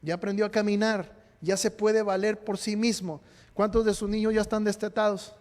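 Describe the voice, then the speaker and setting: Pastor preaching, pretty high voice, long hall echo, jokes around with the crowd and asks them stuff. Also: male voice, level tone, moderate pace, darkish tone. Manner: playful, jokes and quizzes the congregation. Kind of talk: sermon. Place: church sanctuary. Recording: long church hall reverb.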